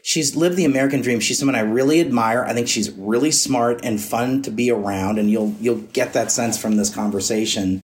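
A man's voice: medium pitch, steady tone, fairly quick, hardly any pauses. A man hosting an interview podcast, giving admiring introductions to his guest. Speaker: podcast host.

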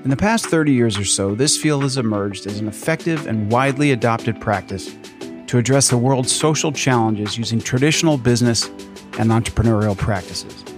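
A man's voice: medium pitch, brisk, over music. A man hosting a podcast, reading a scripted introduction and then asking friendly, conversational questions. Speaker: podcast host. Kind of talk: podcast interview.

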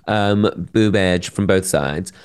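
A man co-hosting a podcast in a casual chat, talking softly and slowly with deliberately low energy. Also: clear, resonant tone. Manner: soft, slow, low-energy delivery. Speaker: podcast co-host.

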